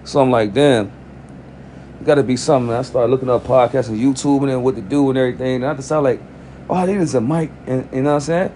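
A man's voice: mid-range voice, steady tone, rapid-fire, few pauses, dark tone, slight background noise. A man hosting his own podcast in loose, rambling, profane casual talk, sounding frustrated. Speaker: podcast host.

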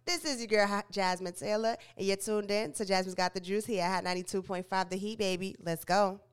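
A young woman talks through celebrity news in a relaxed, opinionated way, as a podcast and radio host would. Her voice is smooth and clear, sitting at a middle pitch. She trips over words and fixes them as she goes. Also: fairly quick. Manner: chatty, opinionated, frequent self-corrections and stumbles. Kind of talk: casual entertainment news commentary.

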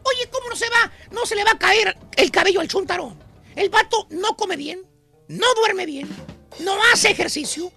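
A man with an unusually high, gravelly voice hosts a comedy radio show from the studio. He ribs his cohost and slips into quoted voices as he tells his jokes. His tone is bright and edgy. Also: lively intonation, normal speed, faint music behind. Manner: teasing, mocking the cohost; acts out characters' lines in quoted voices. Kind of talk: comic radio monologue.

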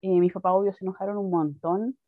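A woman's voice: mid-range voice, fairly even intonation, quick pace, no room sound, phone-quality sound. A young woman in her twenties with a Chilean accent, telling her story in casual chat and laughing often. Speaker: guest.

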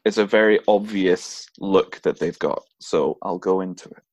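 A man with a lowish voice tells a story to his co-host in relaxed chat. He laughs often as he goes, and the sound is dry and close with no room echo. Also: moderate pace. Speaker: podcast co-host. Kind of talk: casual chat.

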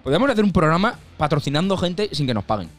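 A man's voice: fairly high pitch, very animated, fast, over loud music. A man from co-hosting a casual, comedic chat, joking and swearing. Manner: joking, swearing, puts on silly voices. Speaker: podcast co-host.

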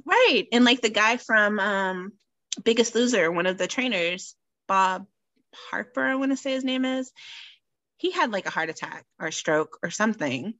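A woman chatting casually on a podcast, telling stories in an animated way and laughing often. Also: medium pitch, normal speed, dry recording.

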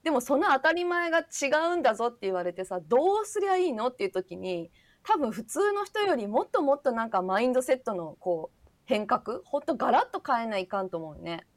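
Lively woman with a Hakata lilt. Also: fairly high pitch, a little fast. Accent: Hakata dialect. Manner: lively, laughs often, dialect-tinged. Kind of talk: casual livestream chat.

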